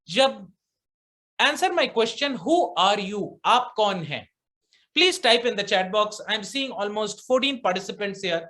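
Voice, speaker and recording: Slow, emphatic man teaching. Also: high-pitched, sharp tone. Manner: emphatic, repeats key phrases, stretches words out. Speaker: seminar trainer. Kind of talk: online motivational seminar talk.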